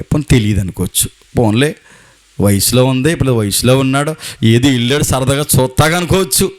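A male pastor with a Telugu accent from Andhra, giving a Sunday sermon with scolding rhetorical questions and stories from his congregation. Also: mid-range voice.

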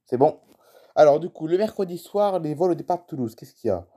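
Fairly high-pitched and mellow, this man speaks briskly and animatedly in casual screen-recording commentary on a live flight tracker. He calls out cities and plane types, chats with viewers, and is puzzled by unfamiliar names of places.

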